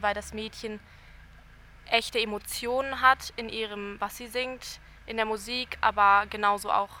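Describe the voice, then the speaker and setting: A young soprano from Berlin, Germany, answers interview questions thoughtfully, searching for her words. Her voice is medium in pitch, with a bright, forceful tone.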